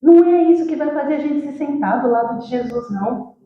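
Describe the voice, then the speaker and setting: A high-voiced woman with a Brazilian accent gives a sermon with a personal testimony, telling her story in a lively way and speaking straight to the congregation. Her voice rings through a very echoey church hall, and the recording sounds dull and lo-fi. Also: brisk. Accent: Brazilian Portuguese. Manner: lively storytelling, acts out dialogue, addresses the congregation. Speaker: church worker preaching.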